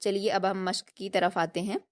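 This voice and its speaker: A woman teaching a tajweed lesson, explaining patiently step by step and drilling each sound slowly. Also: medium pitch, little pitch movement. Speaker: Quran recitation teacher.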